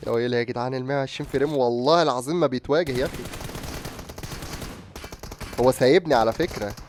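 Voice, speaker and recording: Excitable young Egyptian gamer man. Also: medium pitch, racing, a little hiss or hum. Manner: excitable, exclaiming, laughing often. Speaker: gaming streamer. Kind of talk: live gameplay commentary.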